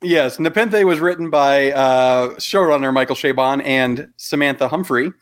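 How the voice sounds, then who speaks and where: A man's voice: mid-range voice, moderate pace. Wry male podcast host. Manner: wry, deadpan jokes. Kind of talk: casual chat.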